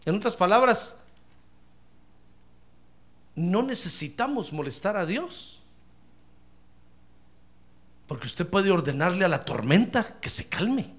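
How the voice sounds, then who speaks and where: A man preaching a sermon, animated and humorous, often calling his listeners brother and acting out Bible scenes. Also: high-pitched, slow pace, pauses often.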